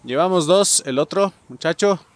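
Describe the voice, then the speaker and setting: A man with a Mexican accent commenting on a game he is playing, cursing constantly and shouting at enemies. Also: fairly high pitch, normal speed, a little hiss or hum. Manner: profane, excitable, shouts at enemies. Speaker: gaming channel host. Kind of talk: let's play commentary.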